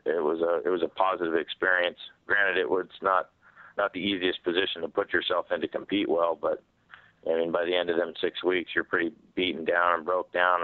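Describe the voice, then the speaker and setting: Man, very low pitch, monotone, casual repetitive interview answers, fighter, telephone sound. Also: no echo. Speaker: fighter answering media questions. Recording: narrow dry telephone line.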